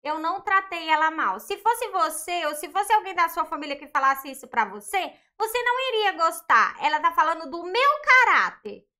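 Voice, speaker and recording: Young storybook mother, woman voicing her; high bright voice, fussy, sing-song baby talk. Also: sing-song, moderate pace, hardly any pauses, faint music behind, exaggerated voice. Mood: indignant. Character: young mother, proud then tender, doting.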